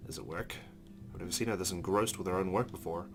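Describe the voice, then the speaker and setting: Hosting a let's play, a man with a lowish voice and vocal fry talks fast as he reads the game's narration aloud, dropping in casual asides over faint background music.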